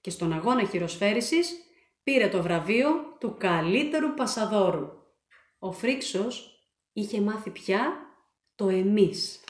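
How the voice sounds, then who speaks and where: A woman reading her children's book aloud, with animated, expressive storytelling. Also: medium pitch. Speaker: storyteller and author. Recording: echoey room.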